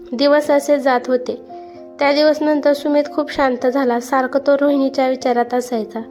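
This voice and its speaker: A woman storyteller reading a family story in scripted narration, with a steady, clear delivery. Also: high-pitched, lo-fi sound. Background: soft background music.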